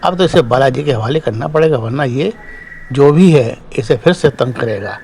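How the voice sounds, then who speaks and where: A man's voice: mid-range voice, expressive, moderate pace, creaky, darkish tone, slight background noise. A man voicing a worried, earnest middle-aged father in a spoken horror story.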